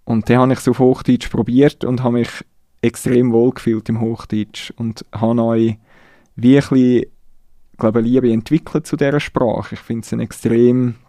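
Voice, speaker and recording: A man's voice: medium pitch, dark tone, no echo, studio quality. A Swiss man from Nidwalden, a musician guest speaking reflectively and hesitantly in a casual interview. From Nidwalden, Switzerland. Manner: reflective, hesitant, restarts sentences.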